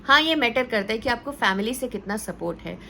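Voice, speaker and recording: Woman teacher, bright and slightly high voice, chatty storytelling parenting advice. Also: expressive, fairly quick, gravelly, a little hiss or hum. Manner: conversational, mixes English words into Hindi; storytelling with acted quotes.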